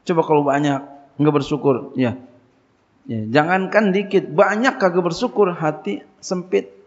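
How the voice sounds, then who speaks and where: A man's voice: fairly high pitch, a little slow. A man giving a casual religious lecture as a pesantren teacher, asking his listeners questions and answering them in a colloquial way. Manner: colloquial, call-and-response questions. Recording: dull lo-fi lecture recording.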